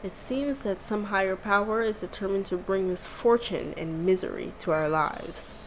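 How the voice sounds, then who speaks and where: A woman voicing a tired, formal city mayor, reading his lines in a measured way. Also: mid-range voice, slight background noise, close to an everyday voice, poor audio. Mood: solemn. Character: weary, formal city mayor, older man. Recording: game music underneath.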